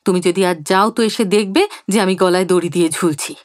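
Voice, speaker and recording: A woman voicing a sharp-tongued older wife who scolds in an indignant way in an audio story. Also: lowish voice, brisk, no room sound, clean studio sound, natural voice. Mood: angry.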